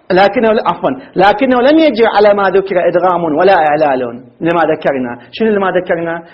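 A man teaching an Arabic grammar lesson. He asks questions and answers them himself, and he repeats words slowly with halting restarts. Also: sits high, dull audio. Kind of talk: classroom lecture.

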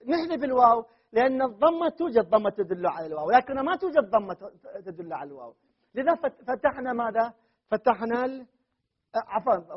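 A man's voice: extremely high pitch, breathy edge. A man teaching a classroom grammar lesson. He drills word forms aloud again and again and keeps checking with his students. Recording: dull lo-fi classroom recording.

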